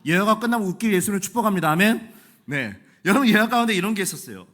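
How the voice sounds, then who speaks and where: A male pastor preaching a sermon in a church, animated and joking in a conversational way. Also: high voice, very fast. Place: church sanctuary.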